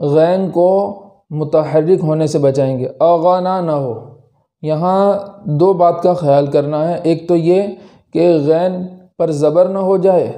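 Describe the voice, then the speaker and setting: Quran recitation teacher, man, step-by-step explainer, slow model recitations, deep mellow voice, somewhat high pitch. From India. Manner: explains step by step, then slowly recites each word as a model. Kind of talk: tajweed lesson with recited examples.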